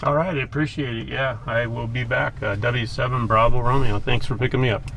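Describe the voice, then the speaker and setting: A man's voice: medium pitch, steady tone, brisk, vocal fry, fairly bright tone, rough recording. A man chatting casually as a mobile ham radio operator and video maker, with easygoing, informal radio phrasing. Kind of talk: casual radio chat and demonstration. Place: mobile radio setup in a parked vehicle. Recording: faint vehicle and radio noise.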